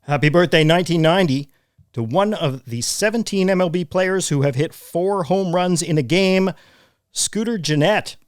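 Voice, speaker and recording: A man's voice: sits high, moderate pace, smooth, no room sound, studio quality. A man co-hosting a casual sports podcast, who laughs often as he reads sports trivia. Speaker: podcast co-host.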